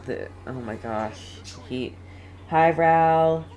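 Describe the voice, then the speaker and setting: Here a streamer talks casually through a video game session and with the audience, often halting and saying words twice. The pitch is medium and the tone darkish, and the recording has its high frequencies cut off.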